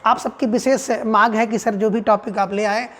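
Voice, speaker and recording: A male Hindi grammar teacher running an exam-prep quiz lesson, reading out each answer option slowly and checking in with frequent tag questions. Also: high-pitched, fairly even intonation, a bit bright. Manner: reads out each answer option in a measured, drawn-out way.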